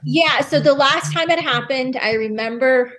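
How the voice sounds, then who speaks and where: A woman's voice: sits high, normal speed, fairly bright tone. A young adult woman, a podcast guest, telling a personal story openly and with emotion, often filling with "like". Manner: open, emotional, fills with "like".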